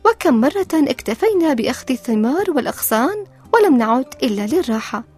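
A woman's voice: high-pitched, very animated, quick pace, breathy edge. A woman presenter narrating a moral story and explaining its lessons in a scripted, reflective teaching tone. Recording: soft background music.

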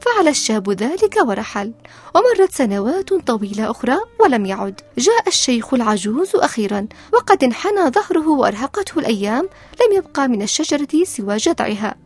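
A woman's voice: a little high, big pitch swings, a little fast. A woman presenter narrating a moral story and explaining its lessons in a scripted, reflective teaching tone. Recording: soft background music.

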